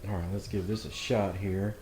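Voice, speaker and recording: A cooking channel host with a low, level voice talks at a moderate pace in his echoey home kitchen, faint music in the background. He keeps things casual, joking, self-deprecating and chatting with viewers.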